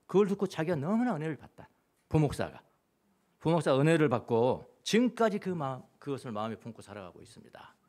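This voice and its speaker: A middle-aged man, a pastor, preaching a sermon in church and telling a story, moving between loud and hushed tones. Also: mid-range voice. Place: church sanctuary.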